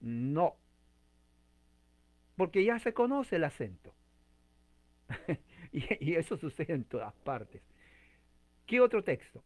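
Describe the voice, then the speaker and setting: A man's voice: a little high, sing-song, a little slow, long pauses, a little mellow. A man leading a conversational Bible study, chatty and informal, often putting direct questions to his listeners and restarting his sentences.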